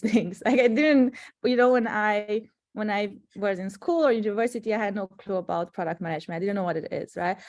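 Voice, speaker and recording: A woman's voice: fairly high pitch, darkish tone, dry recording, studio quality. A young adult woman from Romania, a product manager, talking casually with many fillers and frequent laughs, speaking from an office meeting room. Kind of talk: casual panel interview.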